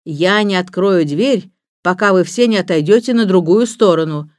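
A woman voicing a stern middle-aged gamekeeper who gives gruff commands. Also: fairly low pitch, normal speed, darkish tone, no echo, clean studio sound, lightly acted. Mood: commanding.

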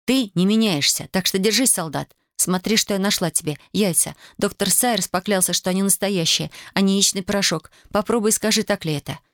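In a studio-quality audiobook reading with no room sound, a narrator with a medium-pitched voice lightly acts the part of a young woman. The character is tender yet proud and hurt, pleading and arguing earnestly, speaking quickly when upset.

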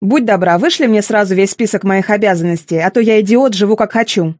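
A woman's voice: medium pitch, fairly quick, no echo, studio quality, lightly acted. A woman voicing a cold, tired and bitter young man in an audiobook. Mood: bitter outburst. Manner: icy, tired, quietly bitter.

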